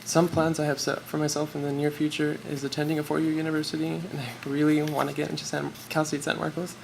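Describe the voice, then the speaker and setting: Teen guy reading his award speech, nervous and teary, bit of vocal fry, lots of room noise behind. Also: on the high side, little pitch movement, fast. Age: teens. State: tearful. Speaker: student award recipient. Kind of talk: prepared acceptance speech. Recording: noisy live event recording.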